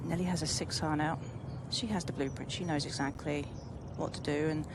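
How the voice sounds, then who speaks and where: A woman giving live golf analysis in a measured, explanatory manner. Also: deep voice, fairly even intonation. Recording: noisy outdoor broadcast ambience. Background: outdoor golf course ambience.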